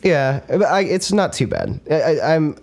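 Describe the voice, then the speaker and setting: A man's voice: fairly high pitch, big pitch swings, moderate pace, vocal fry, a little mellow. A man co-hosting a casual podcast, pronouncing his words carefully, with a slight drawl on some words. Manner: careful, well-spoken pronunciation. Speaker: podcast co-host. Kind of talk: casual chat.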